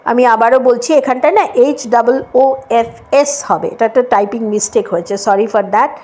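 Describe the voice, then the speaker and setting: A woman gives an English vocabulary lesson in a high voice. She spells words out letter by letter and often stops to check that her students follow. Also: a little fast, a little mellow. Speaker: English teacher. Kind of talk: Bengali-language English lesson.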